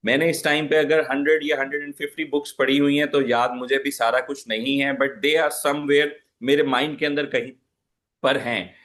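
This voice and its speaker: A man's voice: medium pitch, flat delivery, moderate pace, fairly bright tone. A man teaching a live online public speaking class, explaining patiently and switching between English and Urdu mid-sentence.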